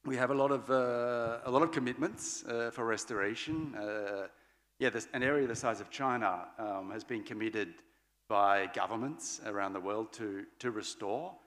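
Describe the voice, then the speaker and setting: A man's voice: mid-range voice, normal speed, a bit bright. A man in his forties moderating a panel from a podium, speaking loosely with fillers and restarts. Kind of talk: live panel wrap-up at a podium. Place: large conference stage hall. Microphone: podium mic. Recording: long hall reverb.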